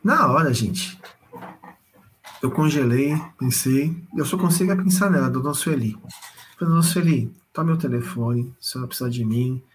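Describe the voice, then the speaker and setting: Man telling his own story: animated, repetitive, casual. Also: medium pitch, slight background noise, rough recording. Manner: animated, repetitive, addresses listeners directly. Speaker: storyteller sharing a personal spiritual experience. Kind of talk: casual spoken testimony.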